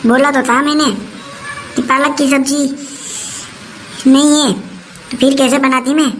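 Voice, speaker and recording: A woman's voice: high-pitched, level tone, measured pace, fairly bright tone, a little hiss or hum. A woman playing a defiant, sarcastic young daughter-in-law who talks back to her mother-in-law in a comic family skit.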